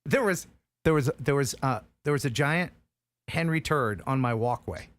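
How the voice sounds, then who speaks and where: This is a middle-aged male live-streamer with a mid-range voice, lively intonation and a normal speaking speed. Grieving the dog he lost, he talks in a casual, rambling, heartfelt way and keeps starting over.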